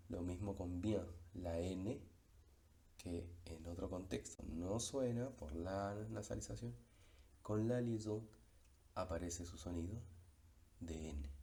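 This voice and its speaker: A man teaching a lesson, walking patiently through the example words on a slide, with pauses and frequent fillers. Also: low-pitched, dark tone. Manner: slow, patient explanation, stretching out the example words. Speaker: French teacher. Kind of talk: explaining a slide in a recorded lesson.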